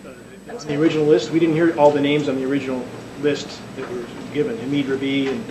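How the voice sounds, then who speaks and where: A man's voice: medium pitch, flat delivery, fast, crowd noise, poor audio. A man testifying at a crowded public hearing, insistent and emphatic, stumbling into restarts as he presses his point. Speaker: public speaker. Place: crowded public meeting room.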